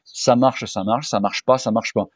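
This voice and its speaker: A man's voice: medium pitch, steady tone, normal speed, no echo. Blunt, slangy cycling vlogger man. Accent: French, southern regional. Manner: blunt, slangy, swears freely. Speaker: cycling YouTuber and sports coach. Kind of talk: casual Q&A vlog. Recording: dull dry home recording.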